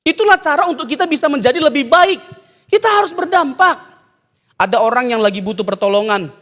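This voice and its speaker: High-voiced preacher in a reverberant hall. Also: male voice, lively intonation, fairly quick, a bit bright. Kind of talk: sermon with jokes. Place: church hall. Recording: long church hall reverb.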